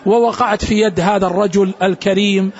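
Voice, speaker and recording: High-voiced man teaching Quran exegesis. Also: fairly even intonation, muffled recording. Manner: explanatory, reciting verse readings slowly.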